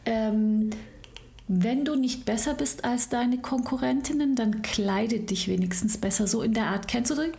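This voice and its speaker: A woman's voice: a little high, a little slow, creaky, mellow. A woman hosting a business podcast, asking long, rambling questions with lots of restarts. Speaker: podcast host. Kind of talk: casual interview.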